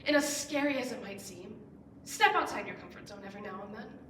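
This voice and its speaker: A student in her late teens speaks fairly quickly in an expressive, mid-range voice with a fairly bright tone, earnestly delivering a persuasive speech from a school stage. She stresses key words with emphatic upward rises. The recording has slight background noise, roomy echo and some distance.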